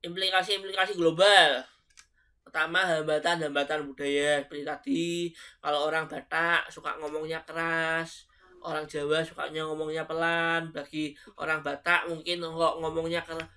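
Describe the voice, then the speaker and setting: A man's voice: on the high side, level tone, normal speed, pushed and bright, clean tone. A man from Indonesia giving a casual online lecture to students, chatty and full of rhetorical questions. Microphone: live stream.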